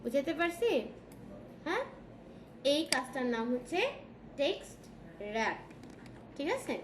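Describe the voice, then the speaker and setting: A design tutor with a Bangladeshi Bengali accent teaches a software lesson in class, often stopping to quiz students and check their understanding. Her high-pitched voice is very animated and a little slow, recorded in an echoey room with audible background noise.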